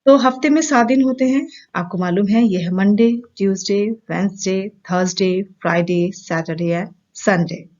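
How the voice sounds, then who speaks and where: Indian-accented woman, teacher, patient, halting explanations, mid pitch, slightly muffled recording. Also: a little mellow. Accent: Indian English. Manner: explains patiently, with frequent hesitations and repeated examples. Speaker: English pronunciation teacher. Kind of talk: casual Hindi-English lesson.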